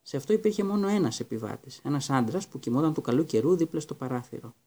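A man narrating an audiobook in a steady, even storytelling manner. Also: on the high side.

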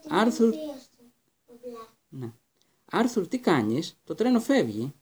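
A man's voice: on the high side, big pitch swings, a little mellow, slightly rough. A man voicing a fussing, motherly witch who calls out in a hurry. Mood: urgent. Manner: hurried, calling out. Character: fussing motherly witch, warm but bossy.

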